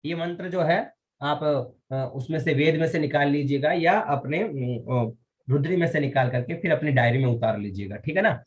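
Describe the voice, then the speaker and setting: A man teaching a Vedic ritual class, explaining rites and chanting mantras slowly, syllable by syllable, and often asking his students if they follow. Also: on the high side. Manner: often checks with students, asking "all right?".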